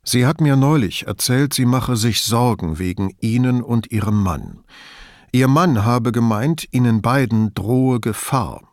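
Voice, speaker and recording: A man voicing a calm, probing male police inspector in an audiobook, speaking in a measured, quiet way. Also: mid-range voice, no room sound, clean studio sound, close to an everyday voice.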